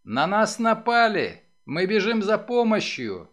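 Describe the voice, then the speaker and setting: A man's voice: high-pitched, big pitch swings, a little slow, a bit bright, pitched above the performer's own voice, full character voice. A man reading aloud and voicing a brutish young bully who jeers and snarls. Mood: shouting. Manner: jeering, snarling, swaggering.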